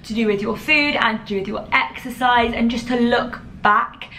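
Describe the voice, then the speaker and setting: A woman's voice: on the high side, normal speed, pushed and bright, slight background noise. A young woman chatting casually to camera in a vlog, self-deprecating and friendly. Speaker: vlogger. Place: small bathroom at night.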